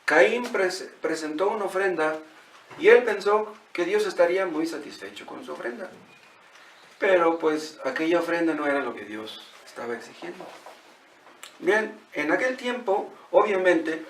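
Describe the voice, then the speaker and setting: A man's voice: on the high side, expressive, moderate pace, roomy sound, recorded from a distance, slight background noise. A man with a Mexican Spanish accent preaching a sermon as a pastor, retelling conversations and asking rhetorical questions. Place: church.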